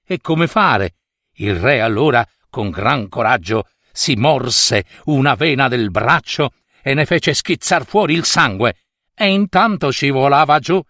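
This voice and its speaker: A man narrating a fairy tale with an animated, expressive reading. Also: medium pitch, measured pace, dry recording, clean studio sound. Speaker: storyteller.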